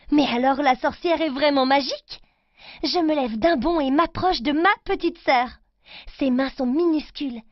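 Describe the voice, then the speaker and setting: A woman reading a children's story aloud, slowly and clearly, in a careful reading voice for children. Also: sits high, dry recording, muffled recording.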